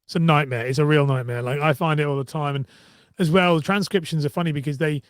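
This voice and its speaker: Podcast guest: fast, chatty southern English man, fairly high voice, dry. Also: smooth, no room sound. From southern England. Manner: fast-talking, chatty, many fillers and restarts. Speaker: podcast guest, content marketer. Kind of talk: casual podcast chat.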